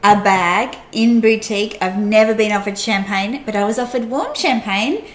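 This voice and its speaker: A woman's voice: medium pitch, animated, normal speed. A woman hosting a casual chat, chatty and giggly. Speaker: host. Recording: roomy with faint noise.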